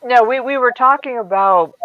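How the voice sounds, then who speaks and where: A woman's voice: fairly high pitch, normal speed, no room sound. A woman chatting casually and telling what friends said. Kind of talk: casual chat. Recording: dull, dry sound.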